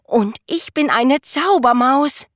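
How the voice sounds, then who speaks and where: A woman's voice: sing-song, fairly bright tone, no room sound, clean studio sound, heavily acted. Woman voicing a gleeful magic mouse boy. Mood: jubilant. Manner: high, gleeful, drawn-out exclamations. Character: excited young male mouse who can do magic.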